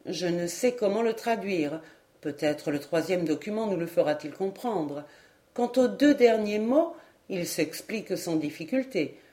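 A woman's voice: on the low side, animated, unhurried, warm tone. Knowledgeable young captain, read by a woman. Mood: explaining.

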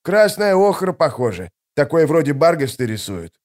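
A man's voice: on the high side, big pitch swings, moderate pace. A man narrating an audiobook, voicing an irritable, hot-tempered male army mage. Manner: snappy, irritable.

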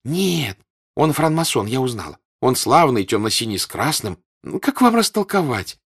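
A husky-voiced man voicing a playful, stubborn teenage girl in an audiobook, talking eagerly and insistently. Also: on the low side, sing-song, moderate pace, voice pushed up, exaggerated voice. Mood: excited. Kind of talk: audiobook character voice.

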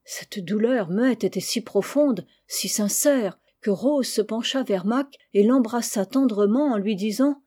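A woman reading a children's novel aloud, narrating gently and giving the characters their lines. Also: fairly high pitch, measured pace, few pauses, breathy edge. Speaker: audiobook reader. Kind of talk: storybook narration.

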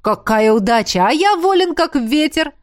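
A woman's voice: on the high side, sing-song, normal speed. A woman voicing a cheeky, womanizing young male student who banters with exuberant, mock-grand flair.

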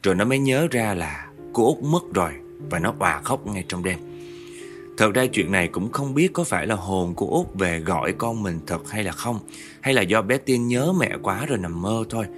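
A man's voice: lowish voice, animated, normal speed, fairly bright tone, faint music behind. A man narrating a ghost story in a chatty way, often turning to address his listeners directly.

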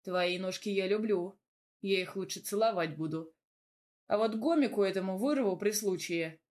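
A man's voice: sits high, moderate pace, natural voice. A woman reading a blunt, teasing young man in an audiobook. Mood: gruff. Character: teasing, possessive young man, the heroine's lover.

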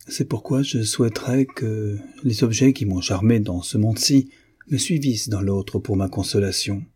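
A man's voice: fairly low pitch, moderate pace, darkish tone, husky. A man voicing a rude, idle young aristocrat who talks bluntly and carelessly, swearing freely. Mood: languid.

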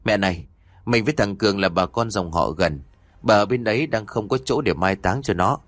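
A man voicing a young son who speaks in a calm, placating, reasoning way, in a spoken audio story. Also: lowish voice, normal speed, no echo.

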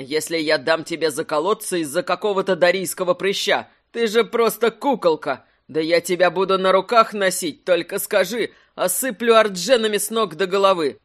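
A narrator voicing a huge drunken young man who bellows in a rough, heavy voice in an audiobook. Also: medium pitch, lightly acted. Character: huge drunken young brawler, loud and boisterous. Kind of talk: audiobook character voice.

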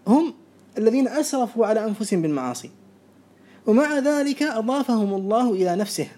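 Man, religious lesson, high-pitched, mellow tone, measured recitation of verses. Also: sing-song. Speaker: Islamic lecturer. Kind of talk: religious lesson explaining a text.

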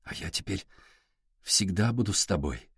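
A gentle, composed young woman speaks in a soft, hushed way, as a male audiobook narrator puts her on. The voice sits low and is recorded dry and close. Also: lively intonation, moderate pace, slightly rough, no room sound. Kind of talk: audiobook character reading.

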